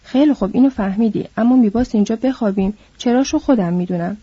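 Brief: woman voicing an impatient scolding worker man, very dark husky tone, dull lo-fi sound. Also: fairly high pitch, dry recording. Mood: irritated. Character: small sharp-tempered itinerant worker man, protective. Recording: dull lo-fi recording.

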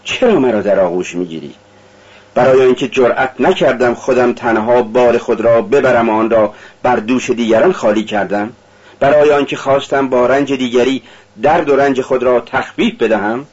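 A man's voice: mid-range voice, fairly even intonation, a little mellow, husky, muffled recording, natural voice. A man reading an audiobook, voicing a brooding, tormented young man in an intense, confessional tone. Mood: bitter.

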